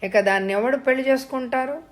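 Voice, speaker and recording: A woman voicing an older father who loudly wails and laments over his daughter. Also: very high voice, a little fast, voice pushed up. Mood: wailing. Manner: wailing, loud lament. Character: wailing older father, loud and theatrical.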